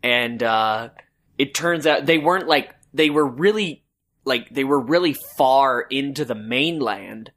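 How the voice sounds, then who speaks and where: A man co-hosting a casual book-discussion podcast, talking slowly and unhurriedly. His voice is bright and forward. He rambles, filling his sentences with "like" and "um". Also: medium pitch. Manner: rambling, full of "like" and "um". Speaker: podcast co-host.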